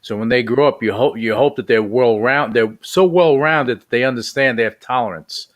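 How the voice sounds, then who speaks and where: A man's voice: mid-range voice, moderate pace. Rambling male talk show host. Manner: rambling, repeats words, many restarts. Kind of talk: casual interview chat.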